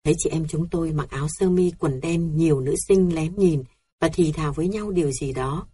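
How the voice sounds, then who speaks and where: A woman narrating a memoir in a steady, reflective manner. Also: low-pitched, a little fast, breathy edge.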